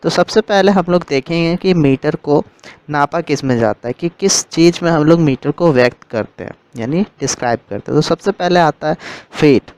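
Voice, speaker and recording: Man explaining a lesson, clear crisp voice. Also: on the high side, normal speed, poor audio. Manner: steady explanatory, repeats and rephrases terms. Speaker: literature teacher. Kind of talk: explaining a lesson in Hindi with English terms.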